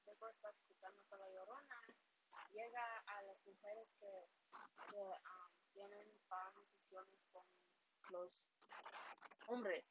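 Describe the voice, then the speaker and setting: A woman's voice: mid-range voice, slow, pauses often. A woman casually retelling a story, hesitant, with fillers and restarts and English words slipped in. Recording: dull lo-fi recording with steady background noise.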